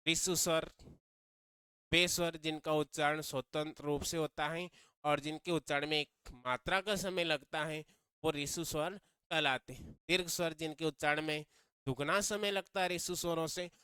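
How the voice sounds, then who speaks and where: A man teaching a grammar lesson who drills each phrase by saying it again and again, then asks the class to answer back. His voice is bright and smooth, and it sits a little high. The sound is dry and close. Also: steady tone, normal speed, dry recording. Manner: repetitive, drilling phrases and quizzing students.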